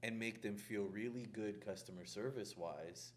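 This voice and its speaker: A man's voice: fairly low pitch, normal speed, a little hiss or hum. A man who is a contractor, co-hosting a podcast in casual chat, talking in a loose, rambling way. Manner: loose, rambling, full of "like" fillers.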